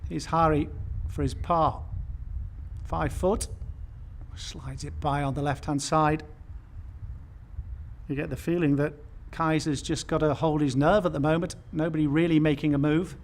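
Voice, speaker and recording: A man giving golf commentary for television in measured, short, understated phrases. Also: on the high side, fairly even intonation.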